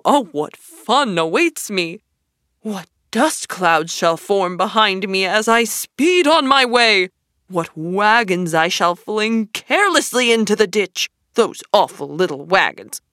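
A woman voicing a boastful male toad, dreamy and car-struck, with slow breathy whispers that swell into excited exclaims. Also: fairly high pitch, no echo, clean studio sound.

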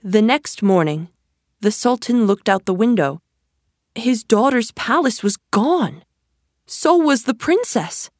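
A woman reading a storybook aloud as narrator, slow, clear and measured. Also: fairly high pitch, lively intonation, no echo, clean studio sound.

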